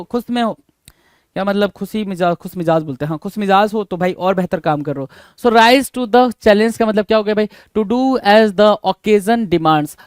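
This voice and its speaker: A man teaches English idioms for exam prep, switching between Hindi and English, repeating each phrase slowly and firing rhetorical questions at his students. His voice is high-pitched, clear, and resonant. The studio-quality recording has no echo.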